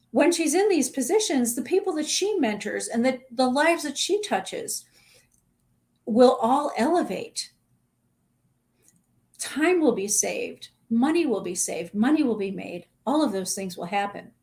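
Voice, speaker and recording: Earnest woman coach with a slightly high voice. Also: expressive, moderate pace. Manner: earnest, direct, conversational with small restarts. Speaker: executive coach. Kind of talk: talking-head advice video.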